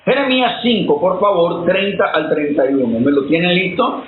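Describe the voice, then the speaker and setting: A man's voice: high-pitched, very animated, normal speed. Emphatic preacher man on a tinny line. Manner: emphatic, keeps asking the listeners questions. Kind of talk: sermon-style Bible teaching. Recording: tinny phone-like line, echoey, faint hiss.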